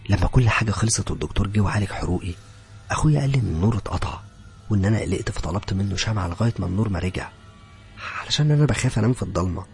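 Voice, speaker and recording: A man with an Egyptian Arabic accent, dramatically narrating a horror story in a hushed, breathy voice that swells into loud cries. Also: lowish voice, expressive, racing, soft background music.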